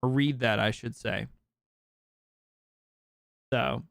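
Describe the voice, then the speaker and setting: A tired young man hosts a late-night podcast chat, rambling candidly and cursing often. His voice is smooth and crisp, recorded close and dry with no room sound. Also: mid-range voice, slow pace, a bit bright, no room sound. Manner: rambling, candid, swears freely. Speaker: podcast host.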